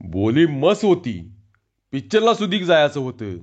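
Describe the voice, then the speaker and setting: Male reader as irritable village contractor: scolding, rough rustic speech, lively pitch, lo-fi. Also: a little slow. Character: angry rustic male wrestling-bout contractor. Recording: dull lo-fi recording.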